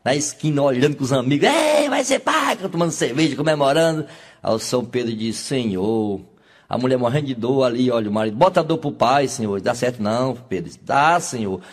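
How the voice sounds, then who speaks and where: A man telling a string of jokes, animated and jumping into high shouted voices for the characters. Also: a little fast. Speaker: comedian.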